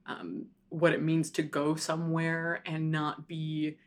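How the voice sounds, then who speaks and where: Low-voiced woman, wry and chatty. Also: level tone. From Hawaii. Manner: wry, self-deprecating, quick asides. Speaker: interview guest, author. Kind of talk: casual conversational interview. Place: small hotel room.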